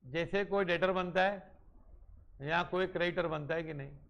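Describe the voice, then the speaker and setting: A man teaches a class, his voice sitting a little high for a man. He speaks slowly and deliberately, drawing out each rule as if dictating it. He switches between two languages and jokes with his students. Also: vocal fry. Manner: switches between Hindi and English, dictates rules slowly word by word; lively and teasing with students, pitch rises and falls a lot. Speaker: commerce teacher. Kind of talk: classroom lecture.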